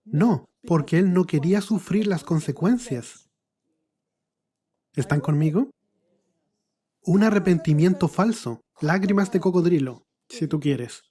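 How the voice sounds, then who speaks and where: A man's voice: sits high, expressive, measured pace, pauses often, warm tone. A male pastor preaching a sermon, asking the congregation questions and answering them himself.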